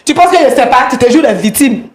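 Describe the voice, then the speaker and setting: A woman's voice: sits high, animated, fast talker, roomy sound. A woman confronting her husband on a mediation show, accusing him and repeating her questions insistently. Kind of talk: heated confrontation.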